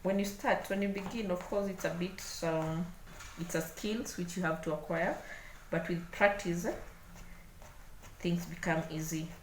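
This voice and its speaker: A woman with a Kenyan accent giving an unscripted hands-on craft demonstration, speaking haltingly and repeating words as she works. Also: fairly low pitch, steady tone. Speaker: craft tutorial host. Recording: echoey room, clear background noise.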